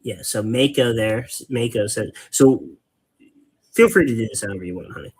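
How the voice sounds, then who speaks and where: Here a man with a slightly rough, low-leaning voice talks at a normal pace while running a laid-back painting stream. His live chat wanders, he patiently walks viewers through things, and he can't resist a cheesy dad joke.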